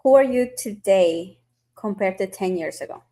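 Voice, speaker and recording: Her storytelling on the podcast is loose and conversational, sprinkled with lots of fillers. The woman's medium-pitched voice is warm and expressive, and she speaks at normal speed.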